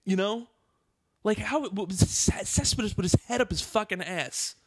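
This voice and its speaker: A man on a casual podcast, telling a story with lots of profanity, restarts and fast asides. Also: high-pitched, dry recording, clean studio sound. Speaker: podcast co-host. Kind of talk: casual chat.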